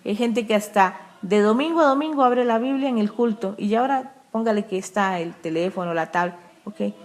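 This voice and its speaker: A woman's voice: mid-range voice, a little fast. A woman preacher from Costa Rica with a Costa Rican accent, giving an earnest, emphatic testimony in an interview. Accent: Costa Rican Spanish.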